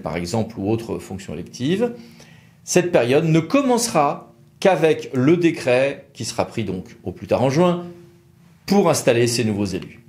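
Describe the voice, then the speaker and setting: In a medium pitch with a darkish tone, a man with a French accent gives a laid-back legal explainer for a law firm's videos. He teaches by posing questions and then answering them in plain, colloquial language.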